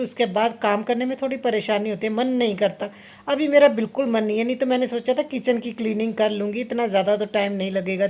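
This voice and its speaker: Woman in her thirties, home vlogger, chatty and direct with viewers, a touch high-pitched, filmed on a phone in her kitchen. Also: a little mellow. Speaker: vlogger mother. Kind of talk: casual vlog narration.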